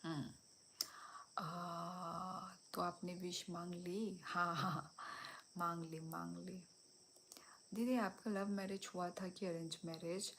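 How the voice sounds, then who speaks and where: A young woman hosting a casual livestream, speaking softly so as not to disturb neighbours at night while answering viewer comments. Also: fairly low pitch, slight background noise. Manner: switches between Hindi and a local language, reads and answers viewer comments. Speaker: livestream host. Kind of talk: casual live chat.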